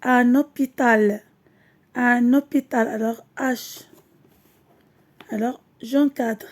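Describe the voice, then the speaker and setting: A woman teacher, giving a slow classroom lesson. She stretches each word, repeats it, and switches between French and Arabic to explain. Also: a little high, fairly even intonation.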